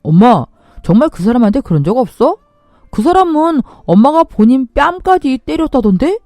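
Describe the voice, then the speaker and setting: A man's voice: very high-pitched, big pitch swings, normal speed, darkish tone, no echo, faint music behind, voice pushed up, heavily acted. A woman voicing an angry grown son who raises his voice to accuse his mother. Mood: accusing.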